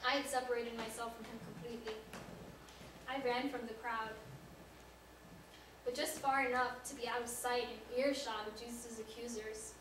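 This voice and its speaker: A woman's voice: fairly high pitch, level tone, normal speed, long pauses, noisy background, natural voice. A woman acting the part of a remorseful male apostle in a church drama monologue, earnest and building to pleading cries, heard from a distance in an echoey hall. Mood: fearful. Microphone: far room mic.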